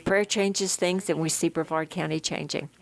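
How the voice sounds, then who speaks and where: A woman guest on a radio talk show who invites listeners to a prayer event. Her voice is very low for a woman, and she speaks in a slow, deliberate way. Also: steady tone, creaky. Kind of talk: promotional radio announcement.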